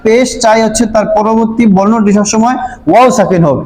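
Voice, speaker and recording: A man with a high voice walks through a grammar lesson at a board and pauses to check that everyone follows. His patient, repetitive delivery rings through a roomy space with a long reverb tail. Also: a little mellow. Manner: patient, repeats points and checks understanding often. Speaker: Arabic grammar teacher. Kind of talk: board lesson explaining Arabic verb forms. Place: room with a board. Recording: echoey room with long reverb.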